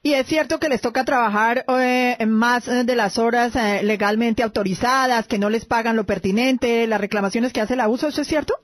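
A woman hosts a radio news interview, asking pointed questions and often pausing on hesitant fillers. Her voice sits a little high, recorded dry and close in a studio. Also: no room sound. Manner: probing, many hesitation fillers.

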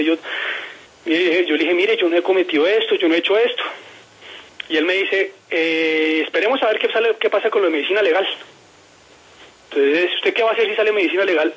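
A man's voice: sits high, fairly bright tone, husky, highs cut off. A man telling a personal story in an interview, emphatic and repeating words as he quotes people.

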